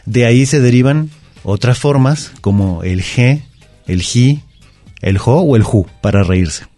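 Un hombre con acento mexicano, invitado experto en lengua, que explica reglas de ortografía en la radio con calma y tono didáctico. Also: male voice, mid-range voice, a little slow, no echo, faint music behind. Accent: Mexican Spanish. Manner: patient, didactic. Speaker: language expert guest. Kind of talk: explaining spelling rules on radio. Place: radio booth. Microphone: studio microphone.

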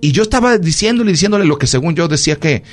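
Over soft background music, a man with a slightly high voice talks very fast in a Mexican accent. He's a doctor hosting a casual radio chat, telling animated stories stuffed with fillers.

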